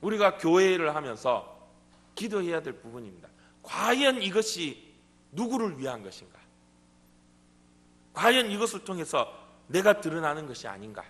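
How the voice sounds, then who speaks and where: A male pastor with a Gyeongsang dialect preaching a sermon, animated and full of rhetorical questions. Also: fairly high pitch, moderate pace, pauses often. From South Korea, Gumi area. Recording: long church hall reverb.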